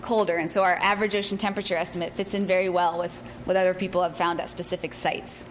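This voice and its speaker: A woman's voice: fairly low pitch, level tone, fast, a little hiss or hum. A woman researcher giving a scientific presentation to an audience. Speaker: researcher presenting her work.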